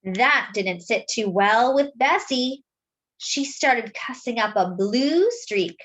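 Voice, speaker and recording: The audio quality is poor. A woman whose voice sits on the high side reads a children's story dramatically and deliberately, in the manner of a storyteller for kids.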